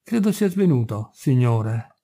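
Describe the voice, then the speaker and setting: An unflappable, polite sailor speaks with easy calm, as a man reading the story voices him. The voice is gravelly and mellow, a touch higher than plain narration. It is an audiobook reading. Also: a little slow. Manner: calm, affable. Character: calm ship's cook, male, unflappable and courteous.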